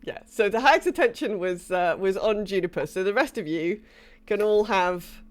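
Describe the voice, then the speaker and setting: A woman's voice: mid-range voice, moderate pace. A woman game master casually narrating a tabletop game, thinking aloud in a hesitant manner.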